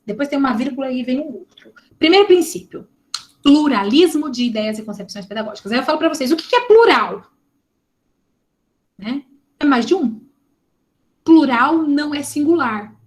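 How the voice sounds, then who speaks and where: A middle-aged woman with a Brazilian Portuguese accent, giving a chatty online lecture on education law and firing rhetorical questions at her students. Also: a little high. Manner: lively and chatty, asks the audience rhetorical questions. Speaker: teacher.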